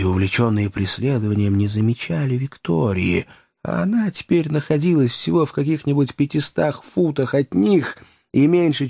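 A man narrating an adventure audiobook in measured storytelling. His pitch is animated. The sound is dry and close. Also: vocal fry, breathy edge, dry recording. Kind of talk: scripted narration.

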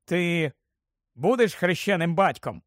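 A man voicing an excited middle-aged wizard who has just become a father, talking loudly in a raised voice. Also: high-pitched, takes it slowly, dry recording, studio quality. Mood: warm. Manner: loud, breathless joy, raised voice.

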